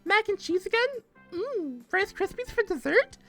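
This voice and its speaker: A man putting on a high falsetto to voice a bubbly, cutesy young husband in a maid outfit, talking in a sing-song way. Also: sing-song, normal speed, a bit bright, soft background music, exaggerated voice. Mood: perky.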